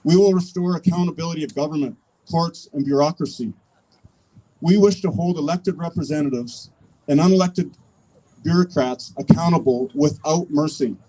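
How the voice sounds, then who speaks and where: Mellow-voiced Canadian man giving a rally speech. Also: fairly high pitch, moderate pace, low-quality recording. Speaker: political activist speaker. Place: public rally, speaking to an audience.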